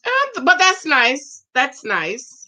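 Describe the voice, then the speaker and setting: A chatty woman in her forties reviews a show on a livestream, reading comments and answering them with sass. Her voice sits high and has a bright, forward edge. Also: wildly swooping pitch, slow. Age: 40s. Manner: sassy, chatty, reads comments aloud and reacts.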